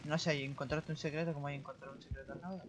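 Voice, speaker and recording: A man's voice: on the high side, steady tone, racing, noisy background. A man hosting a gaming video, commenting casually and informally on his play, with muttered reactions. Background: video game music.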